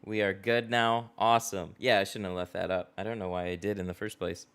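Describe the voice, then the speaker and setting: Working in a tint shop garage, a window tint installer runs a casual livestream, chatting, laughing a lot and fielding viewer questions. He speaks fairly quickly in a low, smooth voice with a level tone that's fairly bright.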